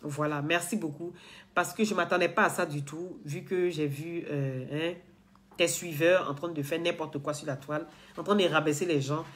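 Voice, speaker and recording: A woman's voice: low voice, fairly even intonation, normal speed. A woman blogger talking straight to her followers in an earnest, lecturing way, repeating herself and restarting often. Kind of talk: casual direct-to-camera talk.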